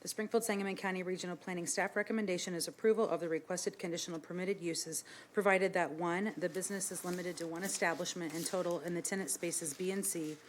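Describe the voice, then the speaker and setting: Brisk, businesslike woman chairing, lowish voice. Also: steady tone, slight background noise. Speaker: council meeting chair. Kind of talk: formal reading of agenda and procedure. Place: indoor council meeting room.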